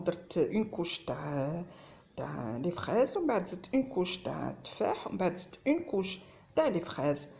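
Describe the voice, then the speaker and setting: Algerian lady chatting thru a cooking vlog, low creaky voice, mixes in french, bit of hiss. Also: darkish tone. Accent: Algerian Arabic mixed with French. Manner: switches between Arabic and French, chatty. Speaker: home cooking vlogger.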